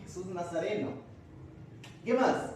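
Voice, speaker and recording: Pastor from Peru, high voice, chatty Bible teaching; captured far off in a booming church hall. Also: male voice, takes it slowly, darkish tone, slight background noise. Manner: conversational, asks the congregation questions. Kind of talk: verse-by-verse Bible study sermon.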